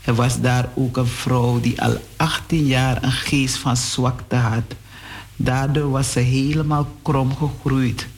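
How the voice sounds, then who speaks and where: A man preaching a sermon on the radio, whose voice jumps up in pitch and speeds up at times. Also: fairly even intonation, slow, a little hiss or hum. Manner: preaching with sudden rises in pitch and pace. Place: radio studio.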